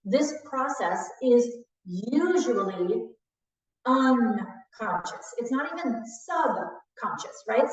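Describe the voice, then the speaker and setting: A woman instructor leading a live trauma training class, talking the group through ideas and often checking in with "right?". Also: fairly high pitch. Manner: warm teacherly, frequent "right?" check-ins. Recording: distant echoey dull room audio.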